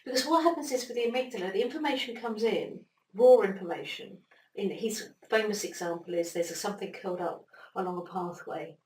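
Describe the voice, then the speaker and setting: A woman talks through ideas as an interview guest, lively and acting out the mind's little voices. She sounds a bit far from the mic in a roomy space, with a faint hiss behind her. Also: medium pitch, a little fast. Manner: animated explainer, acts out inner voices. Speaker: interview guest, brain expert. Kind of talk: conversational interview.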